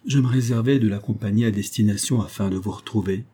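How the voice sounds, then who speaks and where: A man reading the part of a weathered older boatman and former convict, low-voiced, humble and eager to serve. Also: fast talker, mellow, slightly rough. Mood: earnest.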